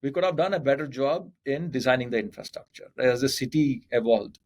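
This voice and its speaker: A man in his fifties with a South Indian accent talks at a rapid clip in a relaxed interview setting. His pitch is average for a man. He is emphatic and tends to repeat words and phrases as he makes a point. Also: a little hiss or hum. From Bangalore, India. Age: 50s. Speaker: interview guest. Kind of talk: casual conversational interview.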